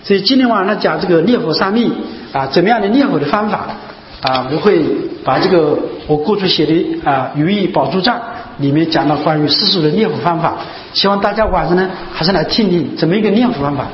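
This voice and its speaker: A man with a high voice gives a Buddhist dharma talk, quizzing his audience with rhetorical questions and circling back to the same phrases. He is recorded in a large, reverberant hall, and the sound comes through muffled with a faint hiss underneath. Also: lively intonation, a little fast. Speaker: Buddhist teacher.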